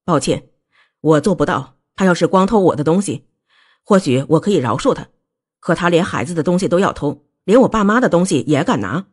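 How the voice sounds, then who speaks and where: A woman voicing a young husband who speaks coldly and firmly in a lowered voice. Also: darkish tone, husky. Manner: cold, clipped, firm. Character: stern young husband, cold and firm.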